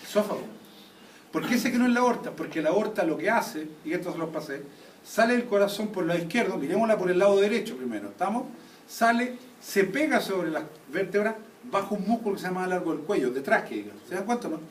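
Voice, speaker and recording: High-voiced man lecturing. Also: animated, fast. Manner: keeps quizzing the class with check questions. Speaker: anatomy teacher. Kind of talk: classroom lecture. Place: classroom. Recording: echoey room, taped from a distance, faint noise.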